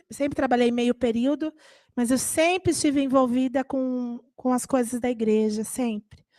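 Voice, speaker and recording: A woman pastor in her thirties with a Brazilian accent, preaching and telling family stories in a lively way. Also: fairly high pitch, dry recording. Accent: Brazilian Portuguese. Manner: animated, acts out quoted voices. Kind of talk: sermon with personal stories.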